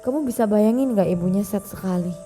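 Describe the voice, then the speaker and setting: A young woman telling a folk tale to her child at home, animated, often stopping to ask the child questions. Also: medium pitch, quick pace, slightly rough, faint music behind. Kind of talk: bedtime storytelling to a child.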